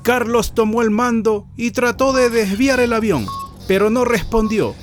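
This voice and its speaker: A man's voice: very high-pitched, unhurried. Man narrating a horror tale. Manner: dramatic storytelling. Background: faint music.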